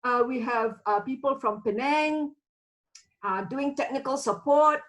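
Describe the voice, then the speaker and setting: On a casual group video call, a woman from Malaysia, a community member, offers a greeting in a high, unhurried voice over a rough recording. She's chatty but hesitant, using many fillers and laughing now and then.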